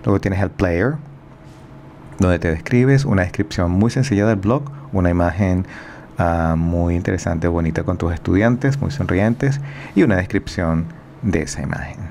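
A man as a teacher giving recorded feedback on a student's project, calm and methodical, thinking aloud with fillers. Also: sits low, normal speed, gravelly, slight background noise.

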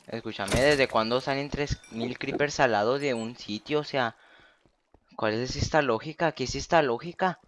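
A man's voice: mid-range voice, normal speed, noisy background. Exasperated young man narrating his game. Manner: exasperated, repeats phrases in disbelief. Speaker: gaming youtuber. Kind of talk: Minecraft let's play commentary.

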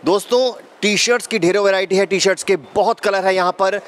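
30s guy hosting a shop tour, bit high voice, handheld mic, echoes the prices back. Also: brisk. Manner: lively, repeats the seller's prices back to viewers. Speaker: host showing a wholesale shop. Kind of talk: energetic shop-tour presenting. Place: indoor garment shop and office.

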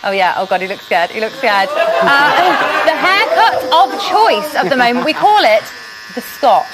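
A woman hosting a studio chat show, lively and teasing. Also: high-pitched, unhurried, over a noisy crowd. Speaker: host. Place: TV studio with live audience. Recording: loud studio audience and noise.

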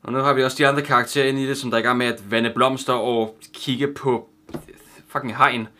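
A man's voice: mid-range voice, fairly even intonation, bright, forceful tone. A man giving crude, sarcastic comic commentary while reading a children's book aloud as a YouTuber.

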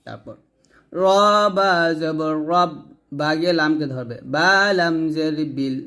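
A man teaching recitation, spelling out words letter by letter and drawing the syllables out, then explaining rules more briskly. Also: a little high, a bit bright. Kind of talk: slow spelled-out recitation lesson.

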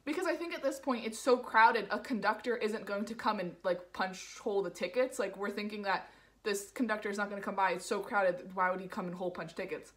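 A woman's voice: medium pitch, brisk, fairly bright tone. A young woman from the New York area telling a casual vlog story, rambling and full of "like" fillers. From New York area, USA. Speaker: vlogger.

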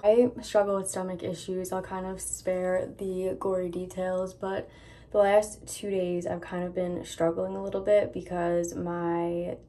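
A woman's voice: on the low side, warm tone. A woman in her twenties talking casually to the camera in a vlog, chatty and upbeat, filmed on a handheld phone. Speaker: vlogger. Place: beach outdoors and home rooms. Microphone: handheld phone camera at arm's length. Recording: noisy phone recording.

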